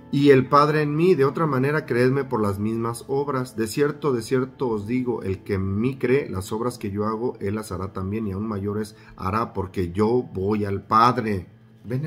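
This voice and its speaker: Emphatic preacher man over soft guitar. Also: medium pitch. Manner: emphatic, repeats phrases, asks the congregation questions. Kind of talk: sermon with scripture reading.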